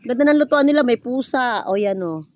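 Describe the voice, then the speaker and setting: A woman's voice: a little high, expressive, a little fast. A middle-aged woman with a Filipino accent, chatting casually to viewers while filming a rural yard on her phone, laughing often. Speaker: vlogger. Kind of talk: casual vlog walkthrough.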